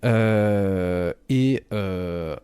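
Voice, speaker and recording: Male podcast co-host, casual chat, halting delivery full of fillers, low dry voice. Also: warm tone, clear, resonant tone, no echo. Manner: hesitant, many fillers.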